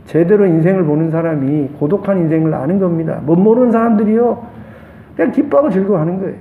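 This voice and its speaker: A male pastor with a Gyeongsang accent preaching a sermon with passion, his voice swinging between loud highs and hushed lows. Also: fast, a little hiss or hum. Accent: Gyeongsang Korean. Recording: echoey church room, tinny phone-like sound.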